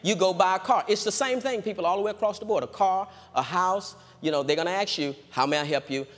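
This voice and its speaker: A man's voice: sits high, fast, in a large hall. A man preaching a sermon as a pastor, repeating phrases for emphasis.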